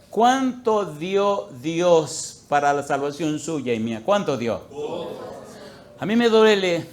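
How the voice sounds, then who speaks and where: Animated male pastor preaching in church. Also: fairly high pitch. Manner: animated storytelling, swinging between loud outbursts and quiet asides; acts out dialogue in the story. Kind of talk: sermon. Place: church, before a congregation.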